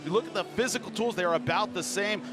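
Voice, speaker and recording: A man with a very high-pitched voice hosts a live boxing broadcast, commentating over prominent music. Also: quick pace. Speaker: broadcast host.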